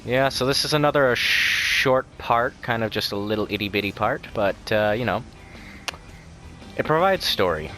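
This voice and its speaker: A man's voice: mid-range voice, lively intonation, normal speed, bright, forceful tone. A young man hosting a casual let's-play, rambling and joking as he goes, often correcting himself. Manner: chatty, rambling, jokey, with self-corrections. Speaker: gaming channel host. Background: game music.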